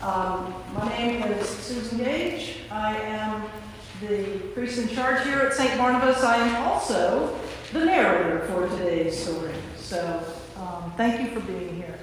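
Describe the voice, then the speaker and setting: Speaking a little slowly at a medium pitch, a woman priest welcomes a gathering informally and then narrates a staged reading from a script. She is in a large church hall, picked up from far off with echo and faint noise.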